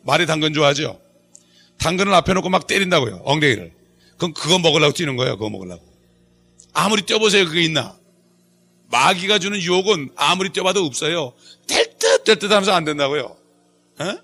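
Middle-aged pastor guy, bright slightly high voice, keeps asking the crowd questions. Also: lively intonation, fast, pauses often, husky. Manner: call-and-response preaching, asks the congregation questions; jokes and laughs with the congregation. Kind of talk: sermon.

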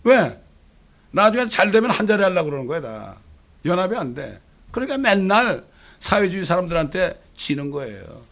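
A man's voice: high voice, very animated, moderate pace, gravelly, fairly bright tone. A middle-aged man preaching a sermon, asking the congregation rhetorical questions and pressing his points with emphasis. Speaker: pastor.

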